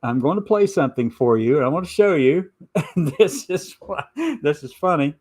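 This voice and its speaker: A man's voice: fairly high pitch, animated, moderate pace, darkish tone. A man hosting an informal opinion show, stressing and repeating his points with sarcastic asides. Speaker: host of a commentary show.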